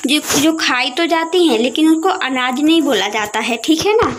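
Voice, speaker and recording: Woman teacher, high voice, talks viewers through a map, answers her own questions. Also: lively intonation, moderate pace, a bit bright, slight background noise. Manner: asks questions and answers them herself; keeps addressing viewers as guys. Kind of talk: explaining a lesson over a map.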